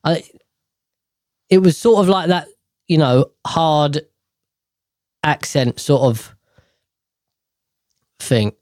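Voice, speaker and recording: A man's voice: a little high, extremely slow, pauses often, darkish tone, dry recording, clean studio sound. A man hosting a podcast, reading the news aloud in a stumbling way and rambling off into irreverent, swearing asides. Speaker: podcast host. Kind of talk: casual chat while reading news aloud.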